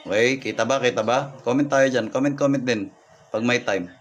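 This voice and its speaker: With soft music in the background, a medium-pitched man speaking at a moderate pace reads signs on a livestream as a folk healer. He keeps pointing things out and repeatedly gives shout-outs, thanking viewers by name.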